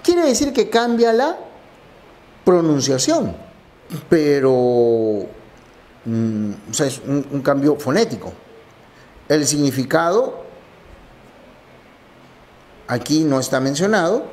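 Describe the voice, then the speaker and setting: A male teacher reviewing exam questions and working through each answer step by step. His voice sits a little high and moves up and down in a very lively way. He explains in the patient, methodical manner of a classroom review. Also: takes it slowly, long pauses. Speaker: language teacher.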